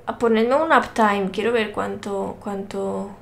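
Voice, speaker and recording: A woman's voice: mid-range voice, fairly even intonation, a little slow, gravelly. A young woman from Spain streaming a horror game live, chatting to her viewers and startling easily into shrieks. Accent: Spain Spanish.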